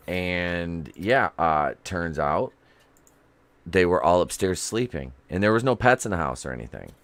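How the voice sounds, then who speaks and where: A middle-aged man with a very low voice recounts an eerie experience in a relaxed, rambling way. He leans on fillers and acts out the lines of the people in the story. The sound is dry and close. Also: clean tone, no room sound. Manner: rambling, with many fillers and quoted dialogue. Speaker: guest. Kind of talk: casual storytelling chat.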